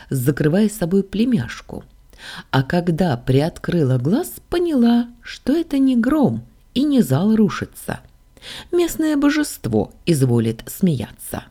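A woman narrating a fantasy audiobook in the first person, with a wry, expressive telling. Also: on the low side, measured pace.

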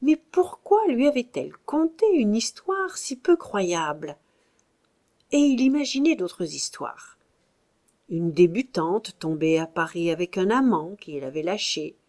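Woman narrator, audiobook, slow pace, expressive reading, mid pitch. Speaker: audiobook reader. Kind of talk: scripted narration of a classic novel.

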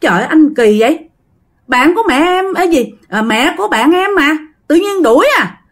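A woman's voice: high voice, expressive, moderate pace, voice pushed up. A woman playing a flustered, pleading wife. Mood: upset. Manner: pleading, rising voice. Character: anxious young wife pleading.

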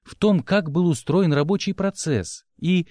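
A man narrating an audiobook with expressive first-person storytelling. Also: on the high side, unhurried, dry recording, studio quality.

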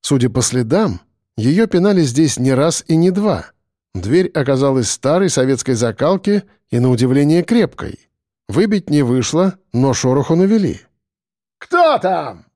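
Brief: male audiobook reader, wry and expressive, lively intonation, dry close mic. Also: medium pitch, normal speed, dry recording. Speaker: audiobook narrator. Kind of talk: first-person scripted narration.

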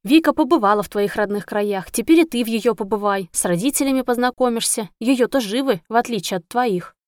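A woman's voice: fairly high pitch, a little fast, dry recording, studio quality, close to an everyday voice. A woman voicing a brash, sardonic young friend who teases and pushes in an audiobook. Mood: pushy. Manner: wry, teasing, pushy.

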